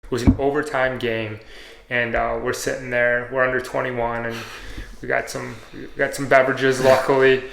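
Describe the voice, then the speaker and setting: A man in his thirties co-hosting a casual sports podcast, chatty and quick to react. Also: mid-range voice, flat delivery, creaky, a bit bright, a little hiss or hum. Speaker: podcast co-host. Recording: roomy echo.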